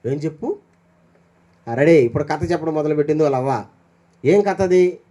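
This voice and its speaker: An older pastor delivers a brisk sermon, putting questions to his congregation. He swings from raised calls to quiet, low asides.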